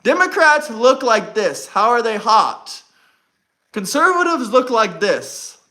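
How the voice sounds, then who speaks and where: Young guy streaming, brash, says stuff twice, real high bright voice. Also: big pitch swings, takes it slowly. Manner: brash, repetitive, talks straight to chat. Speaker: livestream host. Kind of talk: casual livestream chat.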